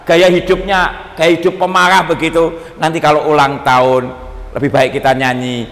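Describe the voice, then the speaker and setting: A man pastor preaching a sermon, animated and joking, often calling out to his listeners. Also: a little high, moderate pace. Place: church seminar hall. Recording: long hall reverb.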